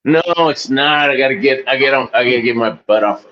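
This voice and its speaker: Speaking a little fast in a mid-range voice, this Olympic athlete and author, a man in his forties, rambles casually as an interview guest. He laughs often and jokes at his own expense; the audio is lo-fi.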